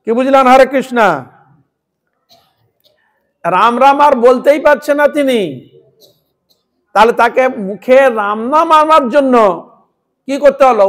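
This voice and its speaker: A man preaching a devotional sermon in a Bengali accent, telling a story and putting rhetorical questions to his listeners. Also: very high-pitched.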